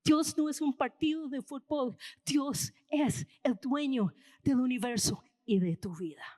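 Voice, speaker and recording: A high-voiced woman with an American accent preaches in Spanish, speaking as if chatting with her congregation and often tagging her points with a quick question. Her voice carries the long echo of a church hall. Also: a little mellow. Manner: casual storytelling, tags lines with "¿verdad?". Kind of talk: conversational sermon. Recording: reverberant hall.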